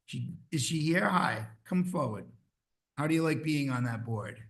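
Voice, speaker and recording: A man chairing a town council meeting in a council chamber, brisk and informal. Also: mid-range voice, expressive, vocal fry.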